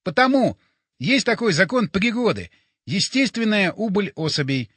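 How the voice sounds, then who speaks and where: A man's voice: sits high, very animated, normal speed, a bit bright, slightly rough, dry recording, voice pushed up, exaggerated voice. A man voicing a stubborn young male sidekick in an audiobook, who talks in a sarcastic, lecturing way. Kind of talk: audiobook character voice.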